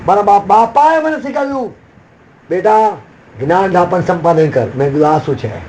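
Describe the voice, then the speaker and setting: A man's voice: high voice, lively intonation, normal speed, a little mellow, slight background noise, poor audio. A man preaching a sermon as a pastor, with sudden emphatic rises and repeated refrains.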